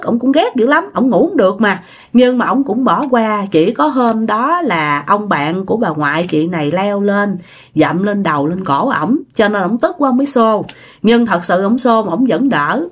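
Chatty woman storyteller. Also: medium pitch. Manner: chatty, addresses listeners directly. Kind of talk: casual ghost story narration.

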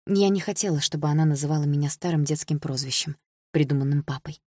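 A woman reading a first-person audiobook narration in an even, subdued manner. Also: low-pitched, fast talker, dry recording, clean studio sound. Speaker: audiobook reader.

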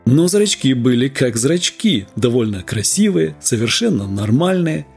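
Expressive male audiobook narrator. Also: mid-range voice, a little slow, vocal fry, slightly rough, soft background music. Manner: expressive, theatrical reading. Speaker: audiobook reader. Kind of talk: scripted literary narration.

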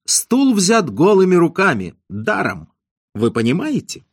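A man's voice: high-pitched, huge pitch swings, unhurried, breathy edge, no echo, voice pushed up, heavily acted. A man voicing a brash young male con man who talks in a curt, officious, commanding way, in a dry close recording. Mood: smug.

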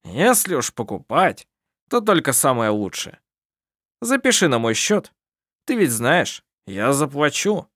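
A man putting on a loud jovial miner. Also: medium pitch, very animated, a little slow, dry recording, clean studio sound. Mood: jovial boasting. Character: hearty burly male miner, boastful.

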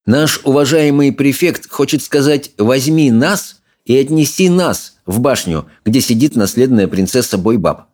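A man reading an audiobook, voicing a polite, quick-witted boy who speaks earnestly and pleads. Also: medium pitch, lively intonation, darkish tone, pitched above the performer's own voice.

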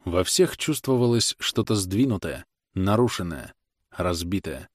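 Male narrator, low voice, measured literary reading, dry close booth sound. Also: no echo. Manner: measured, even storytelling. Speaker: audiobook narrator.

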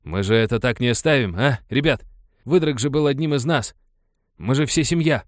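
A man's voice: a little high, expressive, normal speed, a little mellow, no room sound, voice pushed up, close to an everyday voice. A fervent male miner, voiced by a man, rallies his comrades in a raised, eager voice. The sound is dry and close, like a storybook reading. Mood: rousing. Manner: fervent, rousing.

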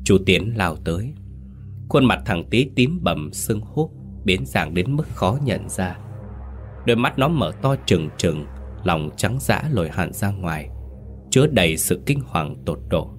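Deep-voiced man narrating a ghost story. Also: big pitch swings, unhurried, faint music behind. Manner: dramatic, suspenseful reading.

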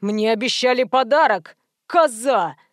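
A woman reading an audiobook voices a stubborn middle-aged male shopper who drones slowly and grumbles. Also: dry recording, clean studio sound, close to an everyday voice. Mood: indignant. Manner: slow, droning, lower than narration.

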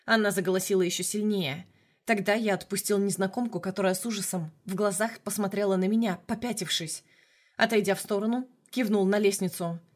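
Woman reading an audiobook, steady and measured, mid pitch. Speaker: audiobook narrator. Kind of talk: audiobook narration.

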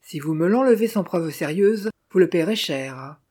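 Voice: mid-range voice, animated, moderate pace, darkish tone, natural voice. Narrator voicing a stern millionaire ranch owner. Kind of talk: audiobook character voice.

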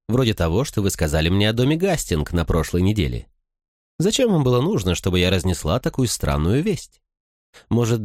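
A man's voice: deep voice, darkish tone, no echo, clean studio sound. A man voicing a sly, smug noblewoman who gossips and schemes, talking condescendingly in an audiobook. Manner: chattering, condescending.

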